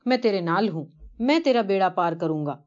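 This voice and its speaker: A woman's voice: mid-range voice, lively intonation, a little mellow, natural voice. A woman voicing a divine voice that calls a man at night with solemn commands, in a story reading on a dull lo-fi recording. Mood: solemn, commanding. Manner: solemn calling.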